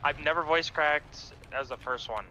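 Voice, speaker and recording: Bright-voiced young man gaming. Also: on the high side, normal speed, muffled recording, slight background noise. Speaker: fellow player. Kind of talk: casual gaming chat.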